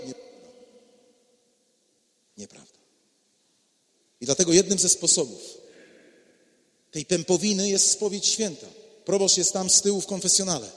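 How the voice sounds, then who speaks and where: Priest guy preaching, high bright voice, keeps asking do you get it, big church echo. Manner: direct, questioning, emphatic. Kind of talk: retreat sermon. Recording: reverberant church hall.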